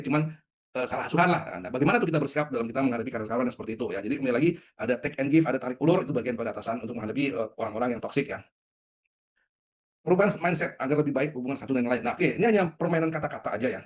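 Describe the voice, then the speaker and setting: Male trainer, middle-aged, very quick delivery, chatty webinar style, mid-range voice. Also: mid-range voice. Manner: conversational, asks the audience questions. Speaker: leadership trainer. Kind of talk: webinar talk.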